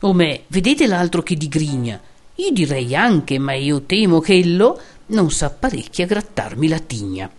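A woman's voice: low voice, big pitch swings, a little slow, a little mellow, exaggerated voice. A woman voicing a cunning male sinner who bargains with devils in a recited epic poem, speaking in a sly, wheedling way.

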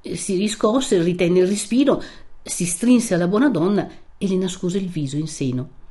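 A woman narrating a literary audiobook in a measured, expressive way. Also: on the low side.

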